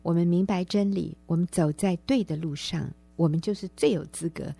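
Husky, gravelly-voiced woman host. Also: lowish voice, brisk, dry recording. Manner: affirming, with steady murmured backchannel and gentle encouragement. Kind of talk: pastoral interview.

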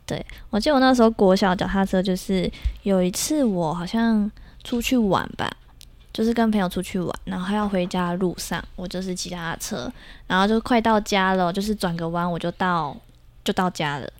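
A woman from Taiwan, co-hosting a podcast and telling childhood stories in a lively way, acting out the voices of the people in them and often laughing. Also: mid-range voice, fairly quick, no echo. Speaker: podcast co-host. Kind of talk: casual chat, storytelling.

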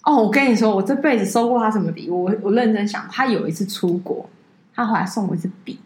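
A woman co-hosting a podcast, telling stories in a casual, animated way and mimicking people in a high voice. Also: fast talker, reverberant, a little hiss or hum, poor audio. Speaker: podcast co-host. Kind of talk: casual chat.

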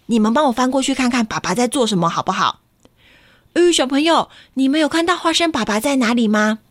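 A woman reading a picture book aloud to children, playful and animated, asking them questions. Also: high voice, fairly quick, dry recording, clean studio sound. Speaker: storyteller for children.

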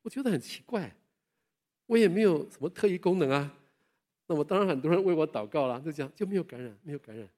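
Older pastor telling lively stories. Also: male voice, on the high side, fast. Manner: animated storytelling with self-deprecating humor; chatty, asks the listeners questions. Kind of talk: sermon with personal stories.

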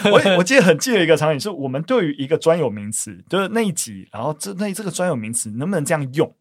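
A man with a Taiwanese accent talks in a casual podcast style with very lively, swinging intonation. He moves along quickly and doubles up phrases as he goes, in a dry, close-sounding recording. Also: a little high, no echo. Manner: chatty, repeats phrases for emphasis. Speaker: podcast host.

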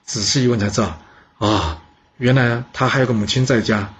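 A man telling a history story in a lively, chatty way. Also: medium pitch, a little hiss or hum. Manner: lively, chatty, drawn-out particles. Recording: dull lo-fi recording.

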